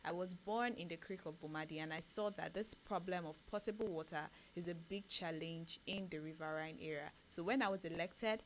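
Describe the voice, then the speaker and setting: A Nigerian woman co-hosting a radio breakfast show reads newspaper headlines in Nigerian English, then comments on them animatedly, her voice rising when excited. Her slightly low voice moves at normal speed with few pauses, a faint hum under the studio sound.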